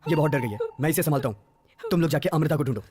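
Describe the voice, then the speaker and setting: An actor dubbing a calm young hero who speaks steadily and reassuringly. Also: male voice, fairly high pitch, racing, very noisy, natural voice. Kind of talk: Hindi film dub acting.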